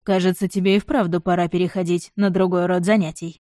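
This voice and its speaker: A woman voicing an ironic young gentleman who drawls teasing remarks. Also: lowish voice, little pitch movement, brisk, no echo, clean studio sound, close to an everyday voice.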